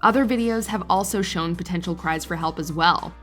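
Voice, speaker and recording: A woman reading a scripted countdown narration in an even, measured way. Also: lowish voice, soft background music.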